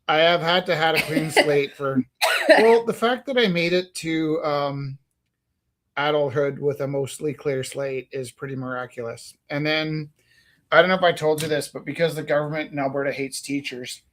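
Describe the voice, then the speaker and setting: His voice is a little high and a bit bright, moving at normal speed and slightly above the typical range for a man. The Canadian teacher and stream host tells a meandering tale with lots of ums, restarts and the occasional casual swear, in the manner of a teacher chatting with friends.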